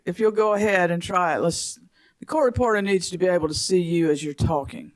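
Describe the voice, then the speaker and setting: A man's voice: sits high, brisk, dry recording. A man chairing a formal commission hearing, reading procedural items with some hesitant fillers.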